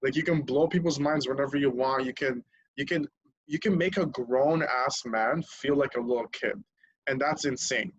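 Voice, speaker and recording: A man's voice: medium pitch, moderate pace, lo-fi sound, a little hiss or hum. A young man from Lebanon, a podcast guest telling his story candidly in casual chat, swearing freely and laughing at himself.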